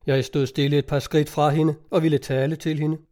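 A man reading a story aloud as narrator, in calm, measured scripted narration. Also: a little high. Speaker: audiobook narrator.

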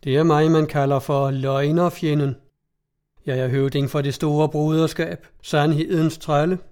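A man reading Løgnerfjenden, a booming outlaw chieftain. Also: fairly even intonation, darkish tone, clear, resonant tone, natural voice. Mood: solemn. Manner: slow, booming oratory. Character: proud outlaw chieftain, rousing rebel leader, man. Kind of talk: storybook reading.

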